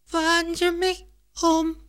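A sad, shivering little teddy bear. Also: male voice, monotone, slow, fairly bright tone, exaggerated voice. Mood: complaining. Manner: plaintive, trembling and squeaky. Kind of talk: children's audio story.

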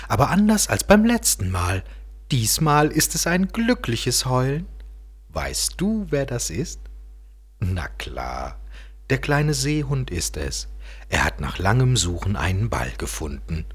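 A man narrating a children's story in a gentle way, speaking directly to a young listener. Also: medium pitch, very animated, measured pace, slightly rough.

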